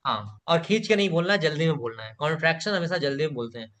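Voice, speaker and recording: A man's voice: fairly high pitch, animated, fast, fairly bright tone. A man teaching a live online spoken English class, patiently repeating phrases for learners to echo and praising students by name.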